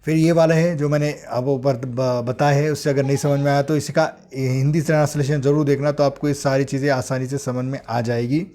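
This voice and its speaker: A man with an Indian accent teaching English usage to exam aspirants in a relaxed, mellow voice. He reads each example sentence slowly and deliberately, then switches to quicker Hindi to explain it. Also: mid-range voice. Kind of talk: bilingual lesson explaining English phrases.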